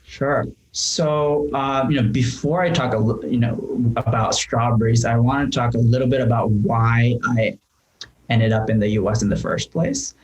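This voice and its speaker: A man, speaking as a guest on a podcast interview. His voice sits in an ordinary middle pitch. He talks thoughtfully and casually, often pausing on "um" and restarting his sentences. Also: steady tone, a little mellow, poor audio. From Japan. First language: Japanese. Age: 30s. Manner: thoughtful, with frequent ums and restarts. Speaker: entrepreneur guest. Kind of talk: casual conversational storytelling.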